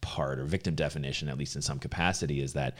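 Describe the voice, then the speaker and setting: A man's voice: rumbling low, steady tone, quick pace, fairly bright tone. A man hosting a podcast in natural unscripted talk, explaining ideas in a conversational, rambling way with acted-out example remarks. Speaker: podcast host.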